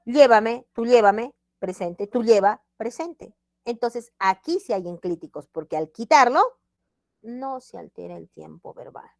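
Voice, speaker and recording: A woman's voice: on the high side, expressive, unhurried, gravelly, no echo, clean studio sound. A woman teacher giving a grammar lesson, emphatic and repeating examples with checks like "ready?". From Peru.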